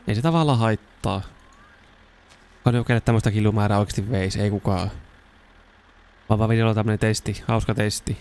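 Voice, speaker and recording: A young man giving casual let's-play commentary, chatting to himself as he plays and now and then bursting into excited shouts. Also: on the low side. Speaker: gaming YouTuber.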